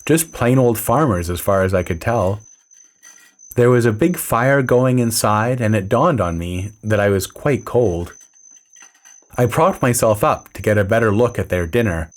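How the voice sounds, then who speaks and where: A man with a fairly low voice reads a first-person story. His delivery is dry, measured and low-key, in the even manner of scripted storytelling. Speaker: narrator.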